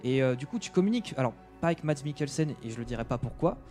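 A man's voice: mid-range voice, animated, fast, a little mellow, faint music behind. A man chatting casually on a radio show, hesitating often with many fillers and restarts.

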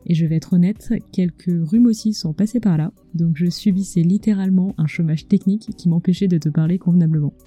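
Leaning close to a microphone fitted with an acoustic screen, a woman narrates her scripted food-story podcast right into the listener's ear. She speaks a little fast in a mellow voice on the low side, hardly pausing, with faint music behind.

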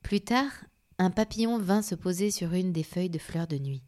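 A woman narrating a children's story, gentle and soft, sometimes dropping to a whisper. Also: on the low side, normal speed.

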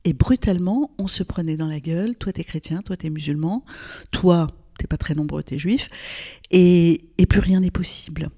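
An older Lebanese woman, a gynecologist, speaks as a guest in a reflective interview conversation. Her voice is fairly low and dark at a moderate pace, and she's thoughtful, often hesitating and restarting.

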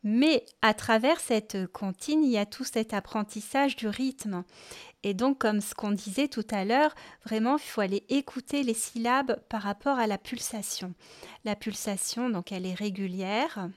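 Slow-speaking woman teaching music. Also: fairly high pitch. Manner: patient, explains step by step, addresses the listener informally; hesitant fillers while thinking. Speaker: podcast host and music teacher. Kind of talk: explanatory podcast lesson.

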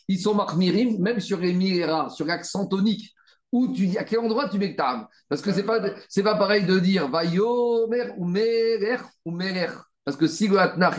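A man teaching a Talmud study class, animated and repetitive, rallying his students with frequent asides. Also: high voice. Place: study room with students, also streamed on video call. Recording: echoey room.

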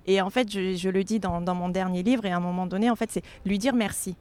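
A woman's voice: medium pitch, steady tone, quick pace, a little mellow, clean tone. A woman from Marseille, in her thirties, talking as an author guest in a casual interview, hesitant with many fillers and restarts. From Marseille, France.

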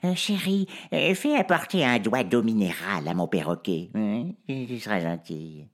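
A man's voice: lowish voice, big pitch swings, moderate pace, pitched above the performer's own voice. A man voicing a vain witch turned glamorous star with an affected, drawling manner, in a children's storybook reading. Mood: grand, haughty. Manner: affected, drawling diva airs.

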